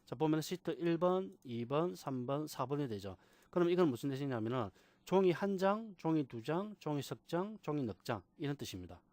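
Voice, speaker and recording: A man teaching a software class, patiently repeating key terms and asking rhetorical questions. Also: a little high, very animated, a little fast, no echo. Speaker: computer instructor. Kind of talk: screen-recorded software tutorial.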